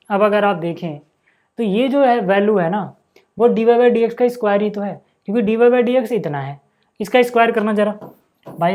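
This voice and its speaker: A man's voice: sits high, a little mellow. A man teaching a math lesson in a casual, step-by-step way, talking to his students as "brother" and checking in often to see if they follow. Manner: chatty, keeps checking in with "है ना" and "यार"; talks to students as "भैया" and "भाई".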